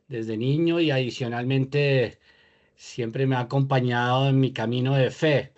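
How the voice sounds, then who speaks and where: A man leading a spoken prayer over a video call, slow and measured, pausing between phrases. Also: medium pitch, dull audio. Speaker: prayer leader.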